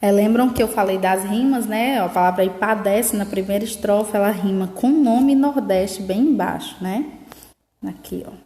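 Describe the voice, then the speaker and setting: A woman's voice: mid-range voice, normal speed, warm tone. A woman teacher explaining a lesson, often checking in with tag questions. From Northeast Brazil. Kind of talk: remote school lesson. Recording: echoey room with long reverb.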